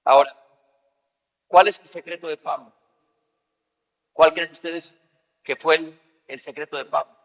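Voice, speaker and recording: A man's voice: fairly high pitch, steady tone, unhurried, long pauses. A man preaching a sermon as pastor, talking conversationally and acting out everyday scenes. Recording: long reverb of a large hall.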